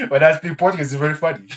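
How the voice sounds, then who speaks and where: This Congolese guest, not a native English speaker, discusses learning languages casually with a class in English. He's expressive and animated, laughing a lot, and his slightly high voice comes through a recording with the highs cut off.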